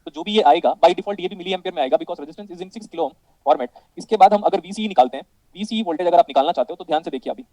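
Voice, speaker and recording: A man with an Indian accent lectures a class on electronics, switching between Hindi and English. His voice sits high yet sounds dark and mellow, and the sound is dry and close. He quizzes the students, calls them "beta" and jokes with the class. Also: fast, no echo, poor audio. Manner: calls students "beta" and keeps asking if it is clear. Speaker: electronics teacher.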